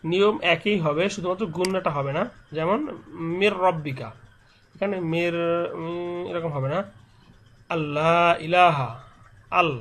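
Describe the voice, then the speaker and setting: A man's voice: fairly high pitch, fairly bright tone. A man teaching Quran recitation rules step by step. He patiently repeats each letter and draws out the nasal sounds to demonstrate them.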